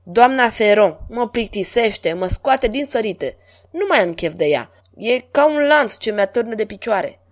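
A woman voicing a vain, lovestruck middle-aged king in a storybook reading, speaking grandly and louder than her narration. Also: fairly high pitch, lively intonation, close to an everyday voice. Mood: imperious.

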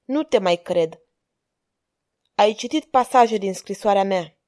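A woman's voice: mid-range voice, a little mellow, lightly acted. A woman voicing a proud, defiant young princess who answers with cold, cutting words in an audiobook reading. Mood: haughty. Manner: cutting, haughty replies.

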